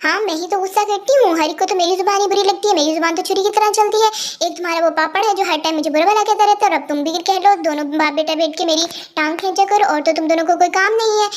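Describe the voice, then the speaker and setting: A woman voicing a sharp-tongued, dramatic middle-aged mother in a fan audio story, scolding and complaining. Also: extremely high pitch.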